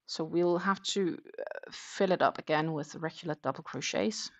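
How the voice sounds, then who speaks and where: The audio has its highs cut off, leaving a woman's low-pitched voice at a moderate pace. She's from Denmark and hosts a casual crochet livestream, chatting, reading viewer comments out loud, and counting her stitches.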